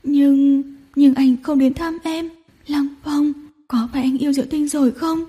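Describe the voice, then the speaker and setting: A woman's voice: high voice, fairly even intonation, moderate pace, warm tone, voice pushed up, lightly acted. A woman reading a storybook and voicing a tearful, clingy young woman who pleads between sobs. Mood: sobbing, pleading. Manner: sobbing, pleading, breathy.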